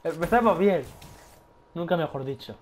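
A young man with a Spanish accent from Spain, commenting excitedly on a shooter game he is playing, swearing often and talking to his viewers. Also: on the high side, moderate pace, a little hiss or hum. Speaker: gaming youtuber. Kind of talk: gameplay commentary. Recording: loud game gunfire behind.

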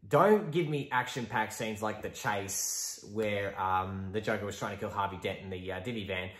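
A middle-aged man talking casually to camera as a video host, in an emphatic, halting way. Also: on the low side. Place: small room at home, indoors. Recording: roomy echo.

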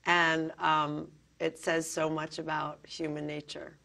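A woman with a hoarse, gravelly voice chats as an interview guest. She tells her stories earnestly and with growing animation, often pausing on an um. Her pitch sits a little low. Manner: earnest, animated storytelling with frequent ums. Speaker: actress being interviewed. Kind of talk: casual interview talk.

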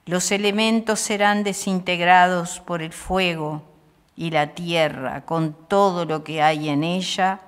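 Slow, smooth-voiced older woman reading scripture. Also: on the low side. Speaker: lector. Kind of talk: liturgical Bible reading. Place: small chapel. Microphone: stand microphone at lectern. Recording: long chapel reverb.

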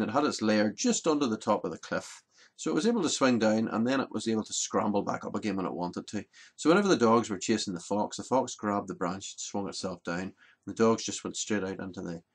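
A man in his fifties speaks with a Northern Irish accent from County Antrim, in a fairly low voice. He presents informally, like an explainer at his desk, and often hesitates mid-sentence as he goes. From Ballycarry, County Antrim, Northern Ireland. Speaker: presenter explaining local language and place names. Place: small book-lined study, indoors.

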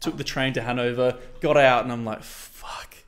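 A man's voice: mid-range voice, fairly even intonation, fast. A young Australian man as a guest in a casual interview chat, self-deprecating and laid-back, laughing often. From South Australia.

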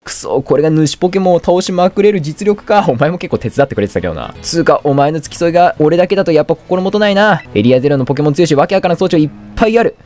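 A man's voice: fairly high pitch, animated, rapid-fire, hardly any pauses, a little mellow, voice pushed up, close to an everyday voice. A man voicing a brash, blunt young male student from a game. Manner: blunt, rough.

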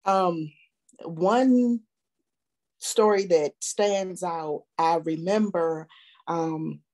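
A middle-aged woman who drives a bus shares stories as a guest, her voice sitting a little low. She chuckles often and fills her pauses with hesitant ums. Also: darkish tone. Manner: laughs often, lots of hesitant fillers. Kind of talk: storytelling in an interview.

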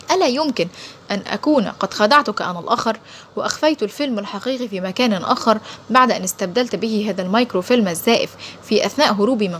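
A woman's voice: a little high, a little hiss or hum, lightly acted. A woman doing a cool-headed male secret agent. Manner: cool, cutting, lecturing. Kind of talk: audiobook character voice.

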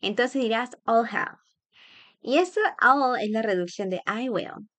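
A woman teaching English phrases in a bilingual lesson, repeating each phrase and warmly praising the learner. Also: on the high side, measured pace, dry recording.

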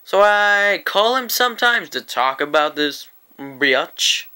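A man's voice: high voice, animated, slow, bright, forceful tone, smooth. A man telling a rambling, profane story-time tale to his vlog audience, often breaking into laughter. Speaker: vlogger.

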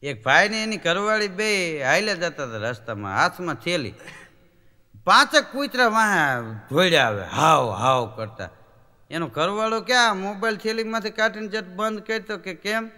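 A high-voiced man, speaking at a moderate pace with a long reverb tail, performs live Gujarati folk comedy on stage. The stand-up comedian is animated, acting out the characters' lines in changing voices.

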